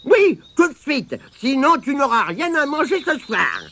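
A man's voice: very high-pitched, very animated, unhurried, vocal fry, bright, forceful tone, slight background noise, pitched above the performer's own voice, heavily acted. A man voicing a bossy old granny with a piercing, scolding voice in a storybook reading. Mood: nagging.

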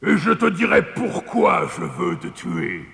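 A man voicing a huge, vengeful male genie who roars his threats in a gravelly voice. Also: huge pitch swings, takes it slowly, fairly bright tone, big-room sound, full character voice. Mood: furious. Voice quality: booming, gravelly.

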